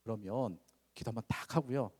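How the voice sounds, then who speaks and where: A man's voice: on the low side, brisk, darkish tone, slightly rough. A male pastor delivering a conversational sermon, asking the congregation rhetorical questions and acting out dialogue examples. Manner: acts out parent-child dialogue examples. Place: church sanctuary. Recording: long reverb of a church sanctuary.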